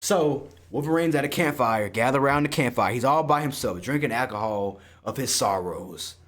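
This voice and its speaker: A man hosting a casual spoiler review of a film, excitable and slangy, swearing freely and often laughing. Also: mid-range voice, moderate pace. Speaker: movie reviewer and host.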